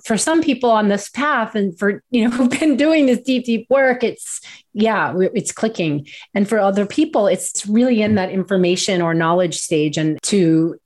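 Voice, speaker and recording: A woman's voice: medium pitch, a little mellow. A woman hosting a conversational interview, affirming her guest and thinking aloud as she frames questions. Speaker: host.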